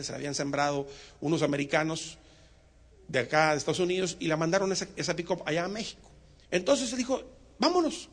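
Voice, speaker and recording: A male preacher telling a sermon story and having the congregation repeat after him. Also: high voice. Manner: animated, call-and-response with congregation.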